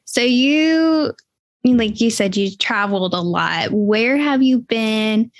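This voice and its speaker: A woman's voice: on the high side, animated, slow, no room sound. A woman hosting a podcast interview, upbeat and chatty with lots of fillers. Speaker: podcast host.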